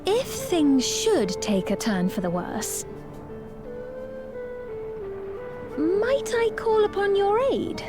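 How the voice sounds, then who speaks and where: Slow-speaking, gracious young queen Sphene. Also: very high voice, huge pitch swings, music in the background, heavily acted. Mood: playful, bright. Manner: formal, courtly diction. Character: gracious, earnest young queen of a high-tech fantasy realm. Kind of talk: scripted fantasy video game acting.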